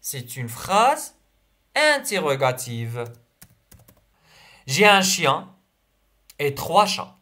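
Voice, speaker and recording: A young male French teacher with an Algerian accent gives a revision lesson for primary school pupils. His pitch rises and falls with a lively, animated lilt. He reads each example slowly, repeats it, and then translates it.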